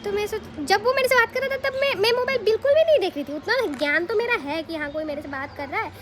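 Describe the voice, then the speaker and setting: Chatty and animated, a young vlogger from Assam, India, shares a personal story straight to camera in a very high voice. Quick rhetorical asides to the listener pop up throughout. Noticeable background hiss is audible.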